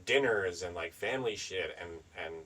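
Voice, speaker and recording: Young guy podcast cohost, lowish voice, kinda far from the mic, rambly and sweary. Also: normal speed, fairly bright tone. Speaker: podcast co-host. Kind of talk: casual chat.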